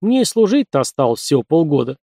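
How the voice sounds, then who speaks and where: A man's voice: fairly high pitch, sing-song, fast, warm tone, dry recording, studio quality, full character voice. A man voicing a cocky, teasing young soldier recovering in hospital. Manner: joking, smooth.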